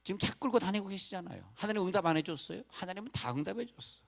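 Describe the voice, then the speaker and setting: A man's voice: high-pitched, big pitch swings, very fast, creaky. A male pastor from North Korea preaching a sermon in a loose, chatty way, with rambling asides and apologies to the congregation.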